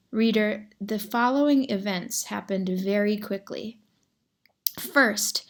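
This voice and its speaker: A woman reading a children's novel aloud as narrator, measured and expressive, sometimes addressing the reader directly. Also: medium pitch.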